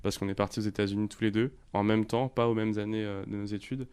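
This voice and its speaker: In a relaxed, casual interview, a thirty-something co-founder of a sneaker brand from Côte d'Ivoire talks with many fillers and frequent restarts. His fairly low voice sounds smooth and moves quickly.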